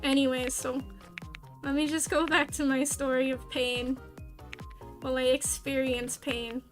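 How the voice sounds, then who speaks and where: A woman streamer talks casually into a desk mic with a high, bright voice. She takes her time, rambling and mocking herself as she plays. Faint music sits behind her. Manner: rambling, animated, self-mocking, with sudden cries of frustration. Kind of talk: casual storytelling while gaming.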